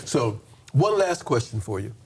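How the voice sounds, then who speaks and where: Man, interviewer, measured and encouraging, wordy questions, middle pitch, light background noise. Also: big pitch swings.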